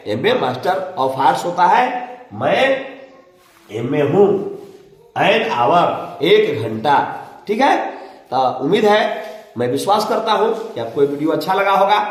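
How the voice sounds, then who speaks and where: A man teaches a grammar lesson, posing questions and answering them himself. His voice sits fairly high and he speaks slowly. The recording is very echoey. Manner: asks questions and answers them himself, repeating key words. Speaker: English teacher. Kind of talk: classroom-style grammar lesson. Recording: very echoey room.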